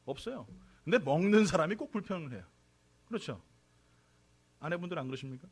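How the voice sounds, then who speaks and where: Korean pastor preaching a relaxed sermon. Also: male voice, a little high, brisk, slightly rough. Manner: conversational, jokey, draws responses from congregation. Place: church sanctuary.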